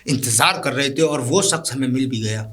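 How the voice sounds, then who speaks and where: An actor playing a proud, contemptuous landowner father who delivers slow, weighty warnings. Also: medium pitch, a bit bright, natural voice. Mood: angry. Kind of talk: low-budget film drama acting.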